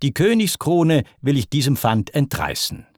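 A man's voice: mid-range voice, big pitch swings, normal speed, a little mellow, no room sound, clean studio sound. A man voicing a proud, jealous male sea god in a spoken verse epic, blustering and indignant.

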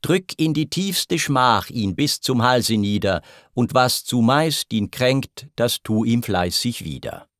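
A man's voice: medium pitch, animated, slow, few pauses, fairly bright tone, dry recording, studio quality. A man voicing a wrathful king of the underworld in a recited verse story, stern and commanding.

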